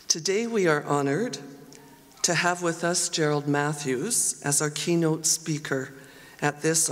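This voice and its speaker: A ceremony host giving a formal, measured podium speech to introduce a speaker. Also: medium pitch. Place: large hall at a graduation ceremony. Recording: echoey hall with long reverb.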